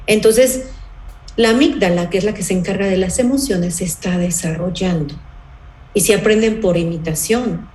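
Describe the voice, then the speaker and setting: A woman leads a parenting class, explaining ideas step by step and often pausing to check that everyone follows. Her voice sits at an ordinary middle pitch for a woman. The room around her is echoey. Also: a little mellow. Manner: explanatory, asks the audience rhetorical checks like "¿sí?" and "¿bien?". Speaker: parenting workshop facilitator. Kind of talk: parenting workshop talk.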